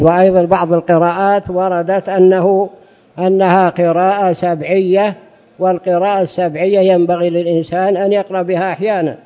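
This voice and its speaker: High-voiced man lecturing in reverberant hall. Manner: explanatory, poses and answers his own questions. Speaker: Islamic jurisprudence teacher. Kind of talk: classroom lecture on fiqh. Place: large mosque hall. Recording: dull lo-fi sound with long hall reverb.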